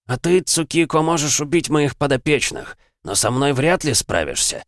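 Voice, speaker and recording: A man's voice: fairly high pitch, very animated, normal speed, fairly bright tone, no echo, studio quality, voice pushed up. Field: man voicing an undead demon, sneering. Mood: gloating. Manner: sneering, taunting. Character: gloating undead demon father, older man, mocking.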